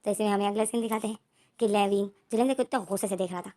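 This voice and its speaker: A woman's voice: mid-range voice, fairly even intonation, rapid-fire, warm tone. A woman casually retelling a story in a chatty way, with many filler connectives. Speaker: story narrator.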